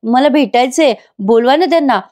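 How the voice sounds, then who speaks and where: A woman voicing a young man who keeps begging to see his wife, insistent and pleading, raising her pitch a little for him. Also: normal speed, darkish tone, lightly acted. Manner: pleading, insistent, repeats himself.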